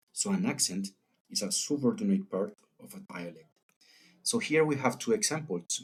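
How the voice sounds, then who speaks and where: Lower-voiced man teaching a lesson. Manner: deliberate, with fillers and restarts. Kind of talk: recorded lesson narration.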